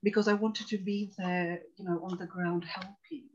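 A woman in her forties from Tanzania speaks at an ordinary middle pitch, earnest and reflective as she tells her own story. Her voice arrives over a video call with dull, lo-fi sound. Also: fairly even intonation, normal speed. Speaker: psychotherapist guest. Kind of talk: personal storytelling in a conversation.

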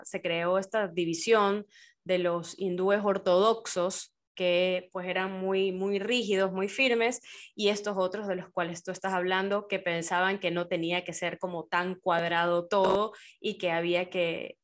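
A woman co-hosting a podcast who calmly explains background and sums up points in casual conversation. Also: on the low side, normal speed. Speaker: podcast co-host.

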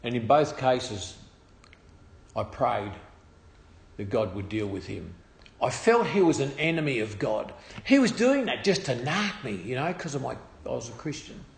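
Australian man, unhurried and halting personal testimony, echoey room. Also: medium pitch, very animated, gravelly. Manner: halting, with restarts and trailing phrases.

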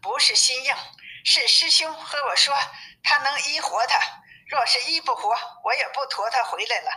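A woman's voice: high-pitched, moderate pace, sharp tone, pitched above the performer's own voice, poor audio. A woman reading the lines of a lazy, cheeky male pig-monk in a storybook, in a grumbling, colloquial way.

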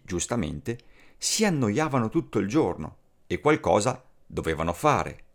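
Male storyteller for a fairy tale read-aloud; low, animated, slow and expressive delivery. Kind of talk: scripted fairy tale narration.

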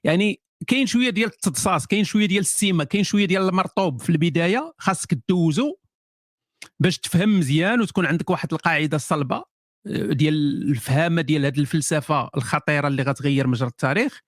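A man with a Moroccan accent speaks quickly in a fairly high voice. He chats informally to live-stream viewers as a host, with a sardonic edge, circling back and restarting phrases as he goes. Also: dry recording, clean studio sound. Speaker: author hosting a live stream. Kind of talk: casual live-stream chat answering viewer questions.

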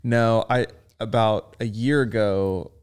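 A man's voice: on the low side, steady tone, takes it slowly, clear, resonant tone. A young man co-hosts a podcast in casual chat, easygoing and given to dry jokes. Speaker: podcast co-host.

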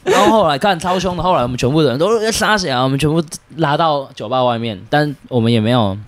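A man, a podcast guest telling stories in a brash, animated way and swearing often. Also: on the high side, quick pace, dry recording. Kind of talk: casual storytelling.

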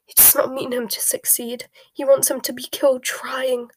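A woman's voice: high voice, flat delivery, moderate pace, dry recording, pitched above the performer's own voice. A woman voicing a distraught, tearful mother who pleads desperately in an audiobook story. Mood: choked desperation. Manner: pleading, breathy gasps and sobs.

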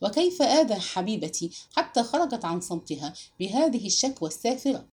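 A woman narrating a literary audiobook with expressive, dramatic storytelling. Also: fairly high pitch, fairly quick, breathy edge.

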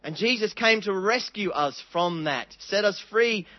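A man's voice: high voice, lively intonation, dry recording, muffled recording. Earnest man preaching a sermon. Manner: earnest and dramatic, reading scripture aloud with quiet pauses.

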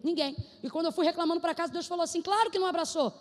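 A woman preacher from Brazil giving a sermon, moving between shouted prophetic declarations and casual storytelling. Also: very high voice, very fast, long reverb tail.

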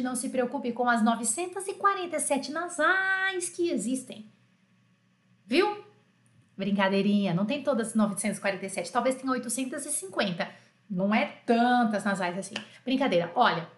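A woman's voice: fairly high pitch, a bit bright, reverberant. A woman with a Brazilian Portuguese accent teaching a live French lesson, chatty and joking, talking straight to her learners. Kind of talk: live online language lesson.

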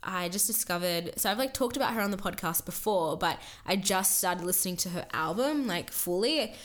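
A woman's voice: on the low side, animated, fairly quick. A young woman co-hosting a podcast, chatting casually and rambling with lots of filler words. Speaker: podcast co-host. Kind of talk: casual chat.

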